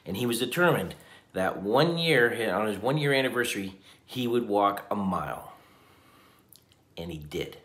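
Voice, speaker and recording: Speaking to a camera set on a table at arm's length, a tired man in his fifties vlogs casually from a hotel room at night, reflective and earnest, with frequent restarts. His voice is on the low side and expressive, fairly bright, at a moderate pace with many pauses, and it sounds reverberant.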